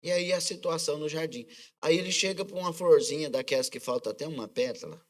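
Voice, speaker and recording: A man's voice: a little high, fast. A man with a Brazilian accent preaching a sermon as pastor, often asking the congregation questions and calling for their responses. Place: church service.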